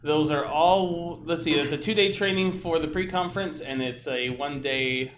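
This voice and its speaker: A man's voice: a little high, moderate pace, fairly bright tone. A man co-hosting a podcast, chatting casually through news and announcements. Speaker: podcast co-host. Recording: roomy echo, clear background noise.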